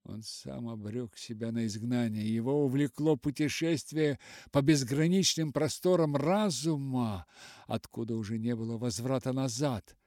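A man reading a literary novel aloud as an audiobook narrator, measured and dramatic with long pauses. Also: mid-range voice, darkish tone, no room sound, studio quality.

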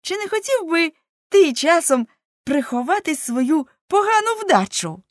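A woman voicing a cheeky young male prankster who talks high, quick and mocking. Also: big pitch swings, no echo, studio quality, full character voice.

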